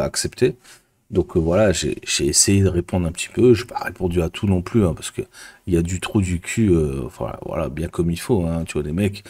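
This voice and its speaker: A man's voice: low voice, a little mellow, husky. A man from France, a business coach, talking casually to camera in a rambling, blunt way with many fillers and restarts.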